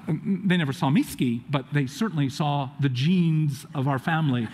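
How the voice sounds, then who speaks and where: Man, high-voiced storyteller, animated with acted quotes, long hall reverb. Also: moderate pace, noisy background. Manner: animated, acts out quotes of others. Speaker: speaker telling a family story. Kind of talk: storytelling talk to an audience. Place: auditorium.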